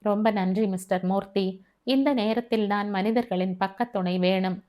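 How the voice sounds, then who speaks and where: A composed, frank woman who questions things openly and stays self-possessed, as a woman reads her in an audiobook. Her voice is medium in pitch. She speaks candidly and steadily. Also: normal speed, a little mellow, natural voice. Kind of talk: audiobook dialogue reading.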